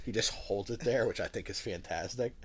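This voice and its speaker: A man's voice: on the low side, a little fast, slightly rough. A man co-hosting a podcast, casually and animatedly retelling film scenes and swearing freely. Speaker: podcast co-host. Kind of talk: casual chat.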